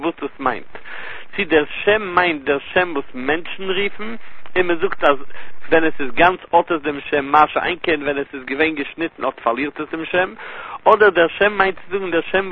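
A man's voice: fairly high pitch, slight background noise. A man with a Yiddish accent teaching a Talmud lesson, reasoning through sources in a sing-song study cadence and mixing in Hebrew terms. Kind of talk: Talmudic lecture. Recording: tinny lo-fi phone-line audio.

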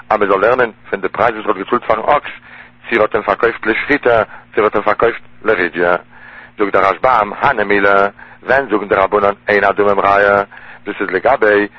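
A man, explaining a Talmud passage in a steady lecture style. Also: fairly low pitch, husky, no room sound. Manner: steady explanatory delivery in Yiddish-inflected German. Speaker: Talmud teacher. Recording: dull lo-fi dry recording.

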